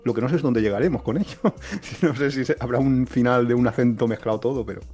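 Man, podcast host, joking banter, mid pitch. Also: fast talker, a little mellow, faint music behind. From Valencia, Spain. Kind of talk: casual chat.

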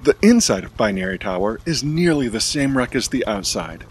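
A man narrating a superhero audio story in a lively storytelling way. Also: mid-range voice, moderate pace, a little hiss or hum. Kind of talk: scripted narration.

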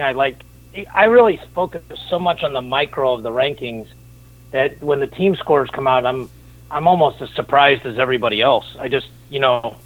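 A man calling into a wrestling podcast as its rankings analyst, chatting in a relaxed way and thinking aloud. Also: medium pitch. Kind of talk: sports podcast chat. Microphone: phone line. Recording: tinny phone line.

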